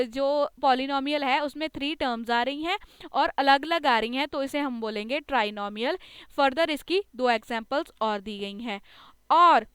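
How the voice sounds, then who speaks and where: A woman gives a patient, step-by-step maths lecture, slowing down to read each term aloud and checking in with her students. Her voice sits high, and the recording is close and dry with no room sound. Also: a bit bright, no echo. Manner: patient, step-by-step explaining, slows to read terms aloud, often adds a checking "okay". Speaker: maths tutor. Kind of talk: classroom lecture explaining maths.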